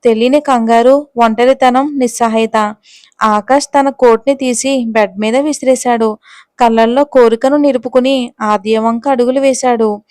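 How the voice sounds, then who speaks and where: A woman storyteller giving a steady, scripted narration of a romance audio story. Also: on the high side, measured pace, no room sound, clean studio sound.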